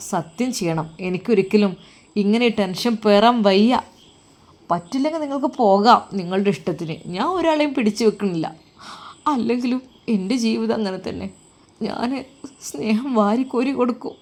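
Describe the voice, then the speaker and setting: A woman voicing a stern, weary religious husband with a Malappuram Malayalam accent, in a lowered, quiet, firm voice. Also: normal speed, close to an everyday voice.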